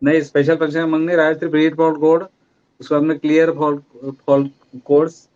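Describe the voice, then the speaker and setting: A man's voice: a little high, flat delivery, a little fast, darkish tone. Hesitant man on a muffled call. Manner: hesitant, explaining step by step. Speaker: technician asking a question.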